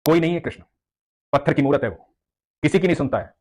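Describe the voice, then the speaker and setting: A man's voice: medium pitch, fairly even intonation, rapid-fire, husky, lightly acted. A man voicing a hurt, resentful old male hermit devotee in a storybook tale. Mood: bitter. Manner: resentful, complaining.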